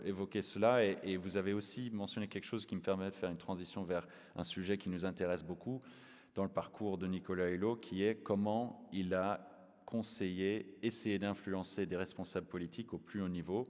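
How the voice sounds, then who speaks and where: A man's voice: low voice, a little mellow. A man raised in the United States hosting a public conversation, polite and hesitant with frequent fillers and restarts. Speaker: interviewer. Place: opera house stage. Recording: long hall reverb.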